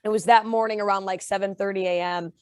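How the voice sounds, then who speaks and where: A young woman guest in a casual interview, telling her story with lively pitch jumps when she acts out quotes. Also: fast, clear, resonant tone, dry recording. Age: young adult. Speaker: interview guest, reality show contestant.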